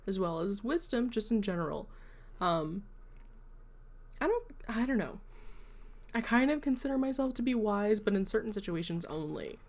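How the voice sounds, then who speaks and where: A woman of middling pitch chatting casually on a livestream. She explains things to her viewers in a loose, rambling way and drifts into self-deprecating asides before coming back to her point. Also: darkish tone. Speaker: livestream host.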